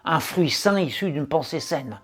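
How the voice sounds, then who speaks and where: A man's voice: fairly high pitch, lively intonation, unhurried, a bit bright, husky, exaggerated voice. A man playing an arrogant, self-proclaimed macho man who declaims grandly and pompously, with hesitant fillers breaking up his lofty phrases. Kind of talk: mock-solemn satirical declamation.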